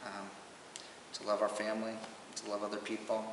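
A man giving a halting, emotional personal testimony to camera as a father, on old home camcorder audio. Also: lowish voice, completely flat delivery. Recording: roomy, distant, hissy home camcorder sound.

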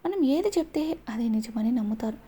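Brief: a woman storyteller putting on an obsessive young villain, menacing, with a soft husky tone. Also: fairly high pitch, expressive, a little fast. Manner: menacing, gloating.

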